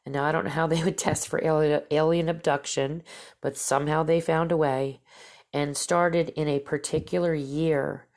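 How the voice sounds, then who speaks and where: A woman hosting a podcast casually tells stories about encounters, rambling with fillers and restarts. Her low, darkish voice is stuffy and nasal from allergies, with fairly even intonation and a moderate pace.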